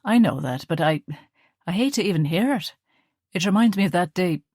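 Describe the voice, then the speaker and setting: A woman reading the part of a cheerful, joking young man in an audiobook, lively and teasing. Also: lowish voice, normal speed, no room sound, clean studio sound. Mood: somber. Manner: playful, teasing, loud and lively.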